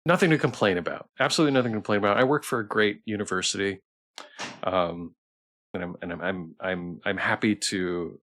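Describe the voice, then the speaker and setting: A tired man hosts a game livestream while playing a visual novel, chatting casually with his viewers. His deep voice runs a little fast with a fairly bright tone, and his talk is hesitant and rambling, full of repeated phrases and restarts.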